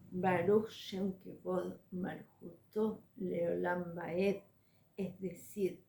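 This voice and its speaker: A woman teaching a religious lesson as a spiritual coach, measured and deliberate, pausing often to find her words. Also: on the low side, gravelly, warm tone, reverberant.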